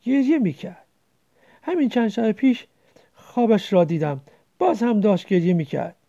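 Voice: mid-range voice, lively intonation, mellow, lo-fi sound. A reader voicing a dying village man, weary and short of breath. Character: sick poor village man near death.

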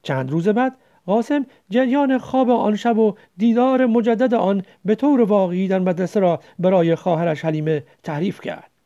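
A woman narrating a story in a measured way, slowing down for emphasis. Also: medium pitch, warm tone. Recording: dull lo-fi recording.

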